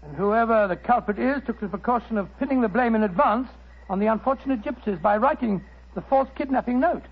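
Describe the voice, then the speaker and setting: A loyal, flustered doctor, bluff and easily exasperated, stumbling over his words. His voice sits high for a man. It comes through a muffled old radio broadcast. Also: brisk, husky, heavily acted. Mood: flustered, narrating. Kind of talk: 1940s radio acting.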